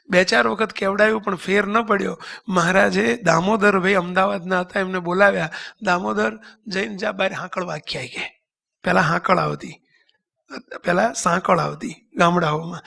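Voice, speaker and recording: A man preaching a devotional sermon, telling a story with voiced characters and slowly sung verses. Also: sits high, creaky, bright, forceful tone. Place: temple congregation.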